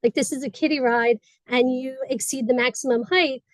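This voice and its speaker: A woman on a webinar panel, chatty and quick, explaining how she trains staff over a video call. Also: sits high, fairly even intonation, dry recording, low-quality recording. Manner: chatty, fast-paced explaining. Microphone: video call mic.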